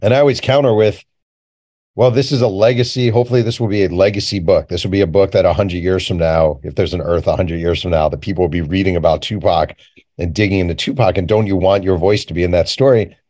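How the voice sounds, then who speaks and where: Speaking fast in a low, darkish voice with fairly even intonation, this male guest, a journalist and author, relaxes into informal storytelling. He frequently repeats bits of past conversations, performing the lines in a plain, unfussy way.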